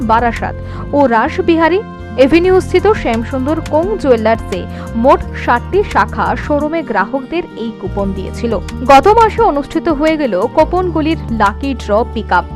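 Very high, lively woman news narrator. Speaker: news reporter.

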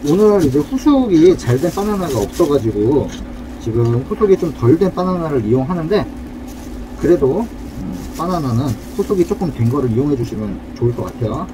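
A man with a fairly high and very lively voice walks through a cafe drink recipe, explaining each step politely. He stands at a cafe counter and talks to a camera set on the counter. Traffic noise comes through clearly behind him. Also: normal speed. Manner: friendly, explanatory, uses polite speech. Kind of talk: casual cooking demonstration.

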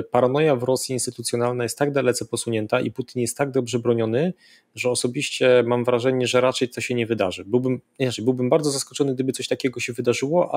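A man in the guest's chair talks through questions as a military analyst. His delivery is measured and unhurried, broken by frequent hesitant fillers. His voice sits at an ordinary male pitch, and the recording is close and dry. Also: darkish tone, dry recording. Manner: measured, pauses often with filler sounds. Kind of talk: conversational expert commentary.

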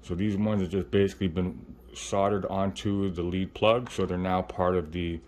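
A man's voice: low voice, slight background noise. A man giving a casual, informal step-by-step how-to, his speech slightly muffled by a face swollen after surgery. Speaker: RC hobbyist host. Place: indoor hobby workbench.

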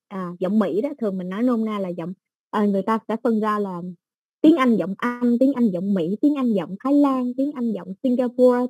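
A woman teaching an English exam-prep lesson, explaining slowly with everyday examples and many fillers. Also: a little high, darkish tone, slightly rough, no echo, low-quality recording.

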